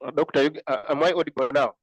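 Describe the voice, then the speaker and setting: A male student on a video call asking a question in an online class, his audio breaking up as he speaks haltingly. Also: on the high side, dry recording, poor audio. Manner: hesitant, halting.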